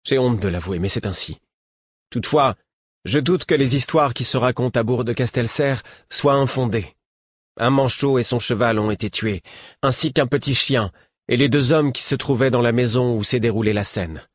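Man doing a young boy, earnest and blunt, husky voice, dry recording. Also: medium pitch, normal speed, dry recording, lightly acted.

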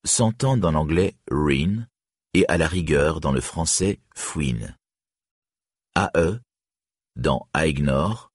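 A man reading an audiobook pronunciation guide with careful, deliberate enunciation, on a close studio mic. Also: deep voice, a little mellow, husky, no echo. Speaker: audiobook narrator.

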